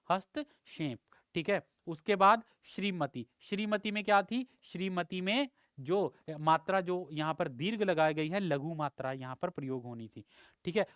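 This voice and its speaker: Male tutor, slightly high, crisp voice, dry close voice-over, patient and repetitive lesson delivery. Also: a bit bright, dry recording. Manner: patient, repeats each word and checks with "theek hai". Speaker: exam prep teacher. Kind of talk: spelling lesson over slides.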